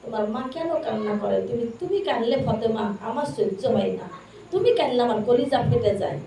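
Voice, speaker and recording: A woman preacher voicing a gentle father who soothes his weeping family in a soft, coaxing tone. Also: high-pitched, flat delivery, a little fast, lightly acted. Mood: comforting. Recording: echoey, distant mic, noisy.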